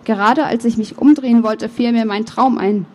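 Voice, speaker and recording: A woman author reading her novel aloud, with measured, expressive first-person narration and the odd slip of the tongue. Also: fairly high pitch. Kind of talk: book reading.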